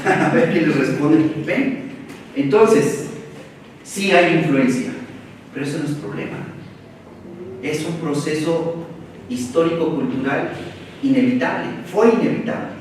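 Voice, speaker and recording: Animated Mexican man lecturing in an echoey room. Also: on the high side, measured pace, long pauses. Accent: Mexican Spanish. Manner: animated, rhetorical questions, colloquial asides. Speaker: seminar lecturer. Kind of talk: university seminar lecture. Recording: echoey room, far from the mic, faint noise.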